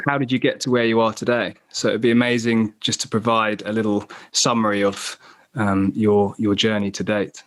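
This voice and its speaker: A man hosting an interview, asking friendly questions in a relaxed way with some ums. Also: lowish voice, normal speed. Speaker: host.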